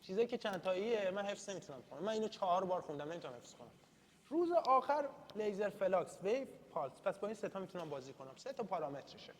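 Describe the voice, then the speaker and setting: Chatty high-voiced male lecturer. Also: very animated. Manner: chatty and self-deprecating, mixing in read-out English terms. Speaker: university lecturer. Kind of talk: informal study-session lecture. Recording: reverberant room, faint background noise.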